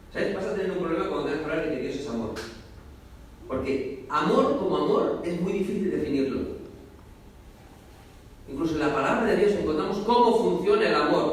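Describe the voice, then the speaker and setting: A man preaching a sermon, talking fast and emphatically and addressing the listeners directly. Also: fairly high pitch, a little hiss or hum. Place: church hall. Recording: echoey hall, voice from far off.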